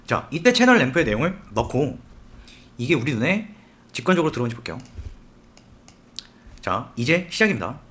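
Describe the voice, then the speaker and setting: A man teaching a software tutorial step by step, often asking the viewer questions as he works. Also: medium pitch, very animated, brisk, long pauses. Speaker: software instructor. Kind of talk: screen-recorded tutorial.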